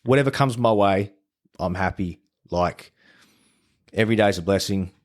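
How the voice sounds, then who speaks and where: Podcast guest: Australian man with a deep voice, casual and profane storyteller, acts out dialogue. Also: moderate pace. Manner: swears freely, animated retelling of conversations.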